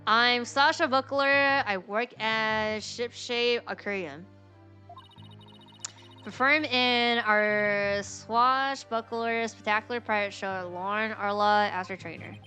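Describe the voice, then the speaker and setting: A woman voicing a young female pirate-show performer from a game, playful, theatrical and excitable. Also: a little high, slow, soft background music. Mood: perky. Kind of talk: reading game dialogue in character.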